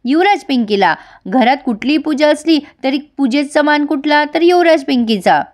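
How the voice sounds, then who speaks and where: A woman's voice: expressive, normal speed. A woman voicing a jealous young daughter-in-law who scolds and taunts sarcastically, in a storytelling recap. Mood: resentful. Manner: shrill, quarrelsome, sarcastic. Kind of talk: storytelling recap with acted dialogue.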